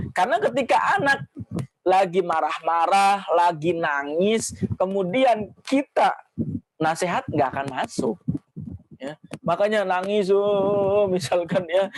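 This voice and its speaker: A man giving a relaxed, conversational parenting lesson, with frequent filler words and a livelier voice when he acts out scolding lines. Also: no room sound, rough recording. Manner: raises pitch to act out scolding quotes. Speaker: Islamic parenting teacher. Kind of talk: casual spoken lesson.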